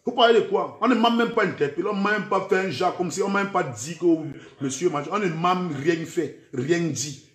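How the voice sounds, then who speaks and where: A man's voice: high voice, brisk, roomy sound. A man from Cameroon with a Cameroonian French accent, mixing in Camfranglais, delivering a heated, threatening rant for social media and repeating the same words.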